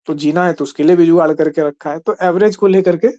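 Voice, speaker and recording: A man's voice: on the high side, fairly even intonation, fast, mellow, lo-fi sound. A man teaching an exam-prep class in a conversational way, often checking in with his listeners. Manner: conversational, keeps asking "ठीक है?".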